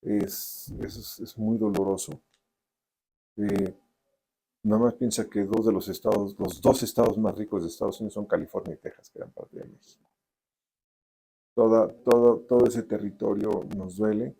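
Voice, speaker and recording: Low gravelly Mexican man, dark-toned. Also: fairly even intonation, poor audio. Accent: Mexican Spanish. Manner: deliberate, many restarts and hesitations. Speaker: novelist guest. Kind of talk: interview answers.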